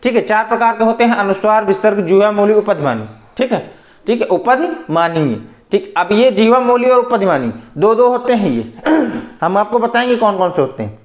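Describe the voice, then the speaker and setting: A man with a Hindi accent teaches an exam-prep grammar lesson, his voice sitting high. He explains patiently, poses questions and answers them himself, and checks in often with a quick "okay". The room adds a noticeable echo around him. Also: expressive. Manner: explanatory, repeats "ठीक है" and asks and answers his own questions.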